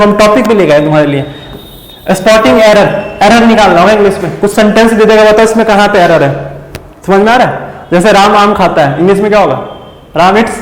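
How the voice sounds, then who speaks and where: A male teacher giving a casual exam-prep lesson, often stopping to ask his students quick questions. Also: sits high. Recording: echoey room with long reverb.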